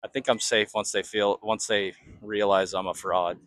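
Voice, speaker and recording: An American man working as a street interviewer, talking casually and off the cuff in a rambling, halting way with repeated phrases. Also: fairly low pitch, flat delivery, a bit bright, dry recording. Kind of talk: casual, unscripted street talk.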